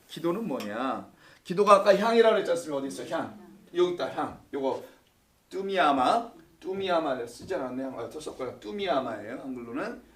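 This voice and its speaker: A man's voice: on the high side, fairly bright tone. A male pastor leading a Bible study sermon in a church, teaching in a conversational way, joking with the congregation and asking questions that he answers himself.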